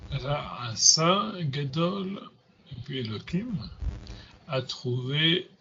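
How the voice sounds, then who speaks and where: A man's voice: on the high side, lively intonation, very slow, dull audio, noisy background. A man teaching a grammar lesson, patiently repeating and spelling out words. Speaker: Hebrew teacher.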